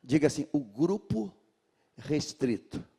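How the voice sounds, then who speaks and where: A man from Brazil with a Rio de Janeiro accent preaching a sermon in a large church, calling on the congregation to repeat his words and swinging from hushed lines to shouts. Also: on the high side, expressive, takes it slowly, vocal fry, breathy edge. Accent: Rio de Janeiro Brazilian Portuguese. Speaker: pastor.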